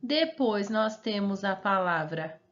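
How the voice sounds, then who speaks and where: A woman's voice: mid-range voice, expressive, muffled recording. A woman teacher with a Brazilian Portuguese accent giving a remote lesson to young children, stretching out each word and asking coaxing questions. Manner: slow, syllable-stretched reading of words, coaxing questions.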